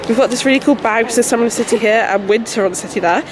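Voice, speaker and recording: A young woman vlogging chattily and excitedly, filmed on a handheld phone. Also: fairly high pitch, racing. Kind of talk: casual vlog chat. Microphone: handheld phone camera. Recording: loud wind and crowd on phone mic.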